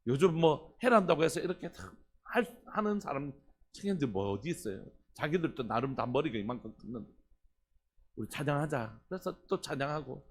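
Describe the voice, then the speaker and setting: A pastor preaching an earnest early-morning sermon, putting questions to the congregation. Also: male voice, fairly high pitch, vocal fry, darkish tone.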